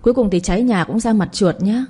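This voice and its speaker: A woman voicing a harsh, domineering older mother-in-law who shouts insults at her household. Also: mid-range voice, quick pace, slightly rough, lightly acted. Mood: furious.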